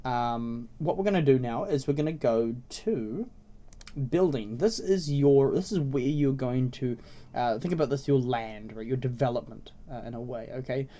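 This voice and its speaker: Raspy man with a cold, mellow tone. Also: mid-range voice, normal speed. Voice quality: slightly raspy. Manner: informal, explanatory, often checking in with "okay?" and "right?". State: congested with a cold, frequent throat clearing. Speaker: video host introducing a browser game series. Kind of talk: casual tutorial commentary.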